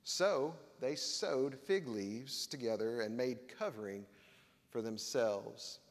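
A man's voice: mid-range voice, takes it slowly. A man preaching a sermon as pastor, earnest with touches of wry humor, reading scripture aloud. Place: church sanctuary. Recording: long hall reverb.

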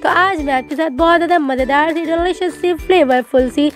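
High-voiced woman chatting through a cooking tutorial. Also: fairly quick, soft background music. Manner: chatty, leans on the filler "jo hai woh". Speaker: cooking channel host.

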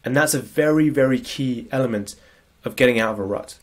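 A man with a mid-range voice talks a little fast, sniffling from a cold. He's a productivity coach giving a casual, conversational screen-share lecture, frequently leaning on "right?" as a tag question.

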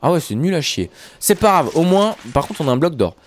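A young man chatting excitedly to his viewers while commenting on his own gameplay. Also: a little high, brisk, a little hiss or hum. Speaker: gaming YouTuber. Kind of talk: Minecraft let's play commentary.

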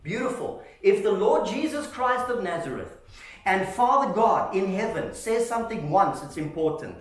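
A man preaching a sermon to his congregation, lively and animated, often calling them "family" and asking "Amen?". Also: high-pitched, moderate pace. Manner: animated, calls listeners "family" and checks in with "Amen?". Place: church hall. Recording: echoey hall, voice from far off.

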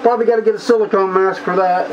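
A man's voice: high-pitched, steady tone, racing. A man casually reviewing a mask while wearing it, his voice muffled through the rubber, plainspoken and enthusiastic. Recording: air conditioning hum behind.

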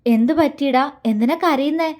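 A woman voicing a stern but tender young man who gives gruff orders and then coaxes gently. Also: high voice, normal speed, close to an everyday voice. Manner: gruff commands softening into gentle coaxing.

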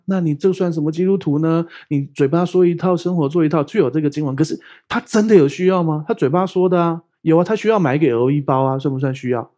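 Husky, animated male pastor preaching. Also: a little high. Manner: lively, conversational preaching with rhetorical questions. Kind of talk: sermon.

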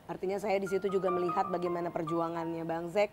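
A woman speaking as a guest on a television talk show, earnest and emotional, with halting phrases. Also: on the low side, flat delivery, loud music behind the voice. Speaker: guest, sister of the accused.

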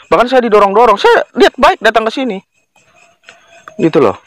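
A man's voice: high voice, sing-song, fairly quick, a bit bright, no room sound, soft background music. A man arguing insistently as a companion who came along to protect a friend. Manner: insistent, argumentative. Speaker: companion of a visitor. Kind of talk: heated argument.

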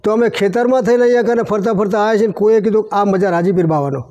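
A man's voice: high-pitched, rapid-fire, dark tone, lo-fi sound. A man, a shrine caretaker telling pious stories full of quoted dialogue. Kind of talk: storytelling interview. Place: outdoors at a village shrine.

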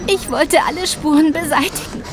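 Lightly acted and pitched high, this woman's voice moves at normal speed with music and noisy ambience in the background. In the German audio drama she portrays a young female carer who is distraught, anxious and devoted, speaking earnestly but hesitantly.

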